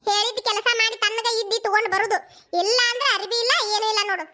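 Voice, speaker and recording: A bossy cartoon village mother, put on by a woman, very high and bright, scolding briskly in a North Karnataka accent. She talks fast. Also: steady tone. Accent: North Karnataka Kannada.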